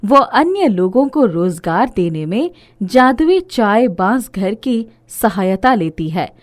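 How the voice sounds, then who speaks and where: A woman narrating an animated moral story in a scripted, expressive storytelling manner. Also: mid-range voice, takes it slowly.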